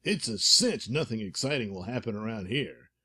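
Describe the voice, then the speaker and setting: A man's voice: on the low side, lively intonation, moderate pace, pushed and bright, slightly rough, exaggerated voice. A man voicing a patient young police officer in a dry, plain tone while reading a comic aloud.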